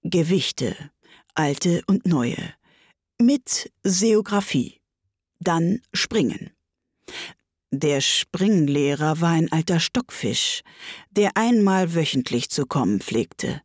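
A woman voicing a melancholy mock turtle in a storybook reading, speaking slowly with sighs. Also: low voice, animated, darkish tone, slightly rough, no echo, clean studio sound, exaggerated voice. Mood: mournful. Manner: slow, sighing and plaintive. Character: melancholy sighing mock turtle, slow and mournful.

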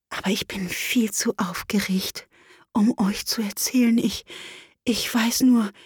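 A woman voicing a small, weak male lizard with a faint, squeaky, whispery voice, stammering breathlessly in a storybook reading. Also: a little mellow, husky, no echo, studio quality, exaggerated voice.

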